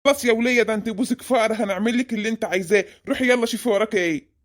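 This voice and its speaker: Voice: mid-range voice, lightly acted. ممثل يؤدي زوج مصري بخيل سريع الكلام. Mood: grumbling. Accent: Egyptian. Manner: fast, scolding and nagging. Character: stingy middle-aged Egyptian husband, grumbling.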